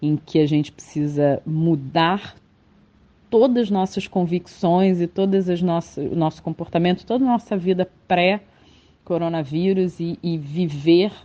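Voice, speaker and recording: A Brazilian woman speaks in a warm, mellow voice, reflecting slowly and restarting her sentences as she searches for words. It is a podcast commentary with a slightly muffled, lo-fi sound. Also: on the low side. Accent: Brazilian Portuguese. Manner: thoughtful, halting, many restarts and fillers. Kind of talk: reflective monologue.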